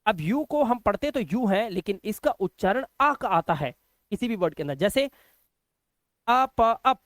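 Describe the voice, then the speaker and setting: A man's voice: high voice, very animated, moderate pace, no room sound. A man teaching a phonics lesson, patiently spelling words out letter by letter and repeating them.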